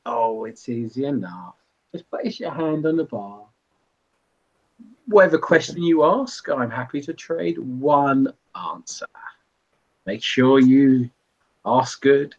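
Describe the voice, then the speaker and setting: A man voicing a sly male information broker in a put-on, wavering Irish accent, speaking in hushed, conspiratorial tones. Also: medium pitch, animated. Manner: hushed, conspiratorial, drawn-out delivery. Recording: dull lo-fi recording.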